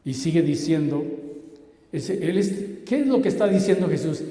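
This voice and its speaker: A man preaching a sermon as pastor, swinging between loud emphasis and hushed asides. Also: on the high side, animated, normal speed. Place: church hall. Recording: echoey church hall.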